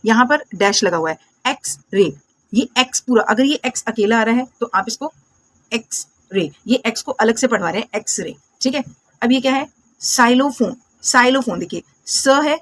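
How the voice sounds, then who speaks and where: A woman teaching English phonics, patiently asking questions, answering them herself and repeating words slowly. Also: fairly high pitch, no room sound. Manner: patient, calls viewers "my dear friends" and "beta". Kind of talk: classroom phonics lesson.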